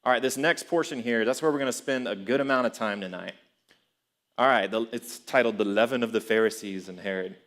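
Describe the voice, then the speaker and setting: A young adult man preaching a sermon in a casual, animated way, chuckling as he tells stories. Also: lowish voice, a little fast.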